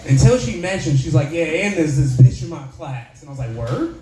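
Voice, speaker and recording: A man doing a stand-up set, telling a story with laid-back, deadpan punchlines. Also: a little high, fairly quick, over loud music. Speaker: stand-up comedian. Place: comedy club stage. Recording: echoey club room.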